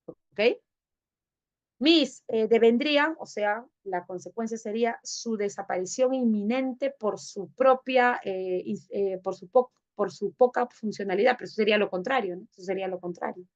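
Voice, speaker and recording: A woman's voice: mid-range voice, normal speed, darkish tone. A woman teaching an online class, affectionate and coaxing, who keeps asking the students to confirm they follow. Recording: dull lo-fi sound.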